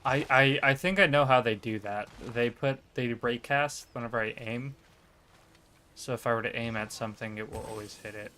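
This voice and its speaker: A man's voice: mid-range voice, fairly even intonation, normal speed, sharp tone. A man streaming a game, chatting casually and thinking aloud, swearing now and then. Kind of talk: casual gameplay commentary.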